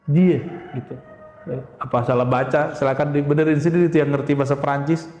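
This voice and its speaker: A man's voice: fairly high pitch, steady tone, fast, a little mellow. A man preaching a religious lecture, emphatic, putting rhetorical questions to his listeners. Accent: Indonesian. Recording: echoey hall with long reverb.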